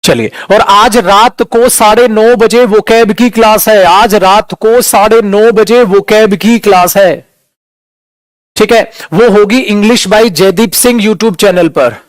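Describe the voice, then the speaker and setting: A man with a high voice, caught close and dry on the mic, gives an online English lesson. He talks to his students familiarly and stretches out words to show how they sound. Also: slow pace, no room sound. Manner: addresses students as beta and dear, demonstrates pronunciation. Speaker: English teacher. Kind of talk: online class lecture.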